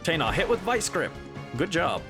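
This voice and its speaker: A man gives casual gameplay commentary in a fairly high voice that swings widely in pitch. He is playful and chatty, with faint game music behind him. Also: very animated, normal speed. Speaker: video game streamer.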